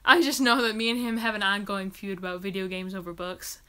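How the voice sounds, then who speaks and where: A woman's voice: mid-range voice, flat delivery, fairly quick, bright, forceful tone, smooth. A woman hosting a casual live-stream Q&A from home as a book vlogger, chatty and giggly.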